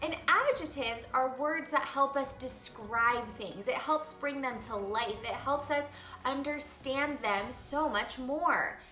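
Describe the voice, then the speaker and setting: A woman with a high voice speaks slowly, her tone pushed and bright, while soft music plays underneath. She is a teacher leading a read-aloud lesson from a picture book, talking straight to young children with simple explanations and questions.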